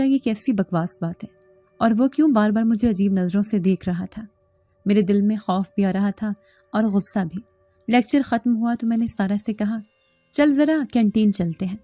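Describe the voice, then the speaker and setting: A woman narrates a first-person scary tale in a steady, earnest way, her voice mellow and soft-edged. The recording is dry and close, with gentle music playing faintly in the background. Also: mid-range voice, no room sound. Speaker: storyteller. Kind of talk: scripted first-person horror story narration.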